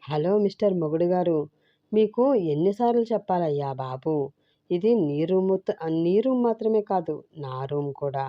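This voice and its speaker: A cheeky young bride who trades insults with a quick, teasing tongue, voiced by a woman reading a storybook. The sound is muffled and close. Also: fairly low pitch, animated, no room sound, lightly acted.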